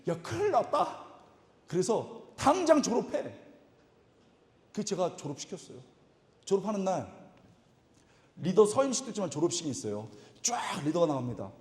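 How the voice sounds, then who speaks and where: A male pastor preaching a lively storytelling sermon at a retreat service, imitating people in his stories and exclaiming. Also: high voice, normal speed, long pauses. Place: church retreat evening service hall. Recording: echoey hall reverb.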